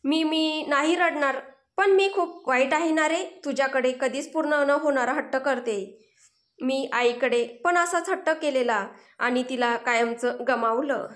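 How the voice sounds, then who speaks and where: Reading a Marathi audio story, a woman voices a fragile, grieving young woman who pleads through tears and stammers, repeating her words. She uses a high, fairly bright voice pitched above her own, speaking a little slowly in a tearful, pleading mood.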